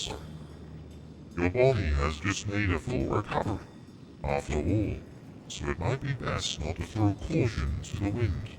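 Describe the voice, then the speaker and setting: A man voicing a formal, humble male servant in dialogue through a deep metallic robot voice filter on his mixer. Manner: formal, deferential, measured. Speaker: gaming streamer. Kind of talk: voicing game dialogue live. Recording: loud noise under a filtered voice.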